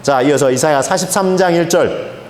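A man preaching a sermon as pastor, emphatic and lively, acting out the lines he quotes. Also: moderate pace. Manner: emphatic, acts out quoted speech with swings in pitch. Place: church sanctuary. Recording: echoey church hall with faint noise.

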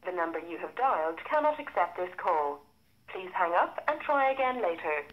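A woman's voice: lowish voice, normal speed, lo-fi sound. A woman's recorded carrier announcement, made of spliced-together words and played as an automated phone prompt. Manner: even, scripted automated delivery. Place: played from a phone speaker in a room. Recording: noisy phone speaker playback.

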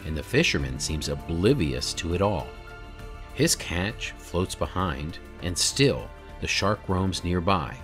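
A man in his forties narrates a documentary in a measured, explanatory tone, often asking rhetorical questions. His voice sits low but moves with lively intonation. Faint music plays underneath. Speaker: drone videographer and channel host. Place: home studio room, indoors.

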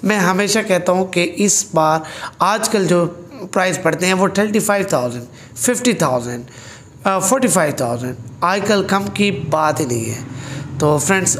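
A man's voice: high voice, animated, moderate pace, a bit bright, a little hiss or hum. A man, talking to camera in a casual motorcycle vlog, earnest and complaining, full of rhetorical questions. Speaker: motorcycle vlogger. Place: small indoor room with a parked motorcycle. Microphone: fixed camera a few feet away.

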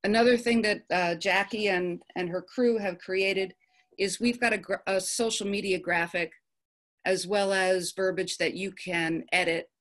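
A woman presenting an upcoming event in a virtual office meeting, halting, with many ums and uhs, over a video call. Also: mid-range voice, steady tone. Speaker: committee presenter.

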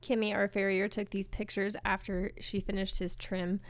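A friendly woman in her thirties chats about her horses for a farm vlog, holding the camera at arm's length out in a paddock. Her voice sits at an ordinary middle pitch, relaxed and chatty. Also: normal speed, noisy background. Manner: chatty, coos softly to the horses. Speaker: horse rescue farm owner. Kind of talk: casual vlog narration.

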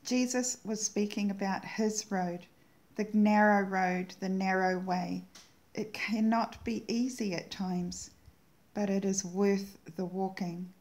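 A woman hosting her own channel, sharing a devotional message in an earnest, reverent way and slowing down to dwell on key words. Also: medium pitch, steady tone, darkish tone. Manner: earnest and reverent, slows down to savor quoted words.

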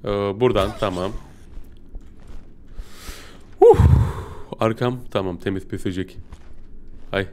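This gaming video host has a lowish voice and talks slowly, with long pauses, as he does casual let's-play commentary. He's excitable, yelping and squealing when startled, and chats away to his viewers, calling them "pisicik."

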